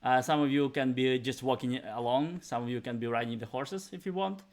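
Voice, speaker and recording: A man's voice: medium pitch, fairly quick. A man narrating as game master, hesitant and heavy on fillers.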